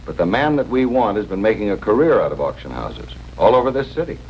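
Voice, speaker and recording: An actor playing a shrewd, businesslike police detective in a 1950s TV broadcast drama, matter-of-fact and confident. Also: male voice, fairly low pitch, very animated, fast. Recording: dull, noisy old 1950s TV soundtrack.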